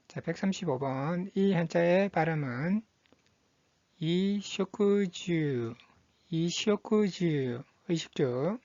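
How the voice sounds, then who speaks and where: A woman teaching Japanese vocabulary, reading each word slowly and repeating it twice in a patient, methodical drill. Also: lowish voice, darkish tone, no echo, dull audio. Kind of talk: slow, deliberate vocabulary drill.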